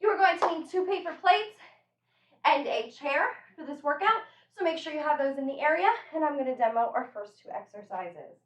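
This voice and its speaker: A woman leading a workout as a fitness instructor, energetic and encouraging, giving brisk short cues and demonstrations. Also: sits high. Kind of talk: live workout coaching and demonstration. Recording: echoey room, distant microphone.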